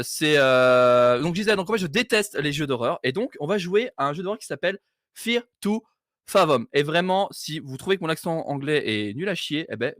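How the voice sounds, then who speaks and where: A man's voice: on the high side, dry recording, studio quality. A man hosting a live stream, joking and self-mocking in casual chat.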